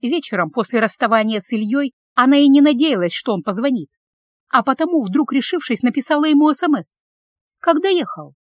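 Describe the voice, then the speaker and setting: Expressive woman audiobook narrator. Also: high voice, fast, no room sound, clean studio sound. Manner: expressive, emotional reading.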